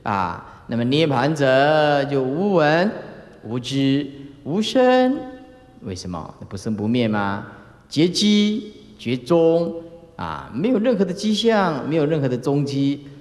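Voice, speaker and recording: A man giving a Buddhist sermon as a dharma master, full of filler sounds and acted-out calls. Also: takes it slowly. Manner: animated, acts out examples with sudden high calls; frequent filler particles like "ah" and "eh". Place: lecture hall. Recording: roomy lecture hall reverb.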